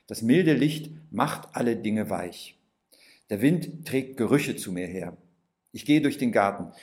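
A man calmly reading a first-person story aloud, gentle and unhurried, with a few lifted exclamations. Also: medium pitch. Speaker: narrator.

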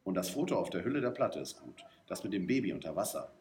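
A man's voice: low-pitched, big pitch swings, fast, a little mellow. A man voicing an earnest, awkward young schoolboy in a read-aloud story, in a slightly raised voice. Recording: roomy echo.

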